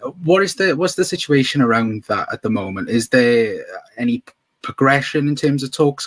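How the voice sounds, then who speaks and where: Scouse guy doing a football interview, lowish voice, dry sound, kinda wordy and hesitant. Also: fairly bright tone, dry recording.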